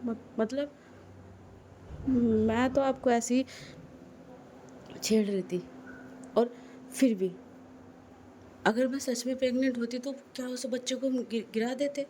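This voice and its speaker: Woman as a teasing young wife, playful, highish mellow voice, amateur audio story. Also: steady tone, takes it slowly, pauses often, slight background noise.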